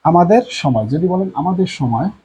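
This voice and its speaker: A man with a husky, breathy voice leads a board lesson, drilling each word again and again in a slow, drawn-out way. His tone is dark and mellow, yet his pitch moves a lot and sits a little high for a man. He speaks with a Bangladeshi Bengali accent. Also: animated, rough recording. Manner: slow, repetitive, drawn-out teaching delivery with many fillers. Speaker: language teacher. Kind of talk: whiteboard language lesson.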